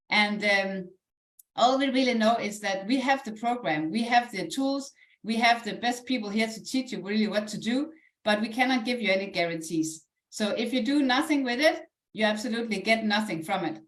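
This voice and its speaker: A Danish woman with a slightly high voice and a Danish accent gives a live online motivational sales presentation as a network marketing ambassador. She's earnest, encouraging and conversational, streaming from an echoey indoor room, so the call sounds roomy.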